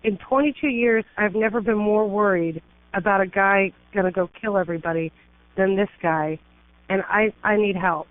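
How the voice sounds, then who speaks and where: Speaking at a moderate pace in a medium-pitched voice, a middle-aged woman attorney rings an emergency line. The tinny phone audio has no echo as she urgently pleads and rattles off emphatic lists of complaints.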